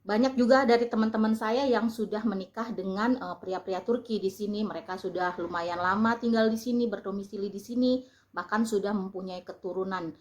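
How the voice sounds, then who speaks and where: A woman's voice: mid-range voice, brisk, a little mellow. Chatty Indonesian woman vlogger. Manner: chatty, explaining, frequent fillers. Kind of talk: casual vlog talk. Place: lives in Turkey.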